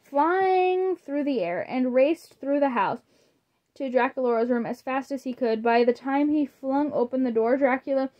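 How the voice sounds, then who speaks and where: Woman storybook reader, high voice, gentle deliberate read-aloud. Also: animated, muffled recording. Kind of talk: reading a children's book aloud.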